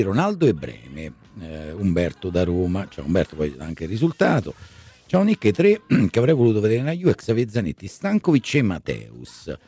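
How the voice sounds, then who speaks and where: A man's voice: on the low side, warm tone, slightly rough. A middle-aged man hosting a live radio show in a chatty, conversational way, often checking in with tag questions.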